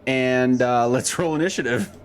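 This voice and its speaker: A man narrating a tabletop roleplaying game as game master, in a halting way. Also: medium pitch.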